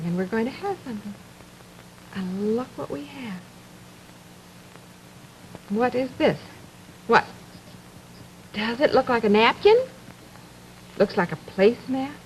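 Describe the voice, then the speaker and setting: A woman hosting a children's TV show from the 1950s, talking slowly and coaxingly to young viewers and asking them lots of questions as she demonstrates things. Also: on the high side, big pitch swings, rough recording. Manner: slow, coaxing, asks many questions of the viewer. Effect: 1950s TV broadcast sound. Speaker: children's TV host. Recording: old 1950s TV broadcast, faint hiss.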